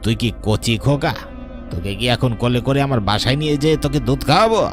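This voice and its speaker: A man plays a gruff village headman in a cartoon ghost tale. He speaks brusquely and gives orders in a mid-pitched voice. Music runs prominently behind him. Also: expressive, fast, close to an everyday voice. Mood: scornful, impatient. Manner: brusque, commanding. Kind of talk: cartoon ghost story acting. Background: prominent background music.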